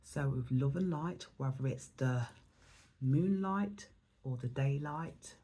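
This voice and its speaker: In a slow, mellow bass voice, a woman from England reads oracle cards for a spiritual vlog. She is hoarse and losing her voice, and her talk drifts in a reflective, rambling way.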